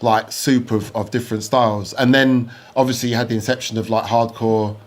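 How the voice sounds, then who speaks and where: A man's voice: mid-range voice, flat delivery, brisk. A man, chatting casually as podcast host, rambling with many fillers and restarts. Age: 40s. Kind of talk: casual chat.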